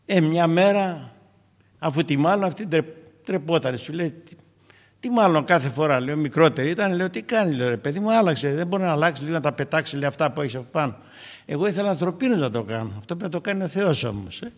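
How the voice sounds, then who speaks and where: Man in his 60s, preacher, fervent sermon, slightly high voice, long hall reverb, loud exhortations then hushed anecdotes. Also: expressive. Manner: swings from loud fervent exhortation to quiet storytelling.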